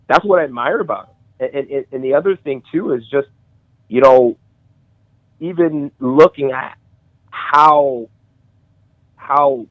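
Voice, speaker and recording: A middle-aged man sharing memories of a friend on a call, halting with many restarts and emotional. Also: mid-range voice, dry recording. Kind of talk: casual conversation. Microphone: call audio. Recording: tinny phone-like call audio.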